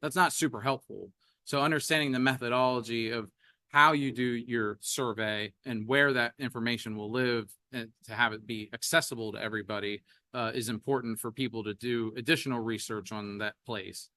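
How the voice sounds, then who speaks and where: Man, workshop presenter, bright forceful tone, halting with ums, dry close sound. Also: medium pitch, steady tone, dry recording. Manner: hesitant, many fillers. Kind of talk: presentation talk. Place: meeting room.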